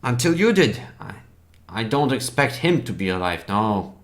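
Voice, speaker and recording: A man voicing a guarded, weary male village elder who answers in halting denials. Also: fairly low pitch, very animated. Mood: evasive.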